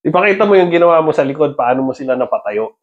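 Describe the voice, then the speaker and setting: Teasing middle-aged dad vlogger. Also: male voice, on the high side, lively intonation, very fast, lo-fi sound. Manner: teasing, playful, laughs often. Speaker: father and vlogger. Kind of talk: casual family vlog chat.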